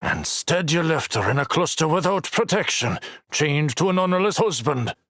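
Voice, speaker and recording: A man narrating an audiobook voices a bitter, injured male crew leader with a rough, growling, scornful delivery. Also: medium pitch, expressive, moderate pace, no echo, studio quality, voice pushed up.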